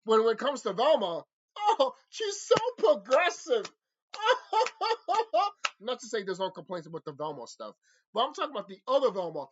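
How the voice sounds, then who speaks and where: Commentator, mid-range voice with big pitch swings, vehement and sweary, hammering repeated phrases, lo-fi recording. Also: big pitch swings, fast, slightly rough. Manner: ranting, vehement, heavy swearing; repeats phrases for emphasis, mocking. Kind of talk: profane opinion rant about cartoons. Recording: dull lo-fi microphone.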